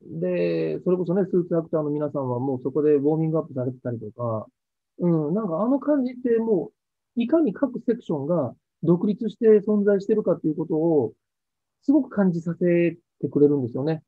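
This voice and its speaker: A man tells stories from his acting career in a fast, animated interview, his pitch high and swinging widely. His voice is husky. The sound is dry and tinny, like a phone line. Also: no echo. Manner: lively storyteller acting out quoted lines. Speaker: actor interviewed about a past role.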